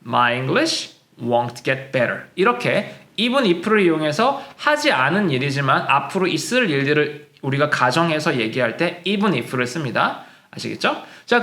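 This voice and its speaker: A male English teacher with a bright, higher-pitched voice that rises and falls a lot. He explains patiently and drags each example sentence out slowly. The room he is recording in has a noticeable echo. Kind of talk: classroom-style lesson.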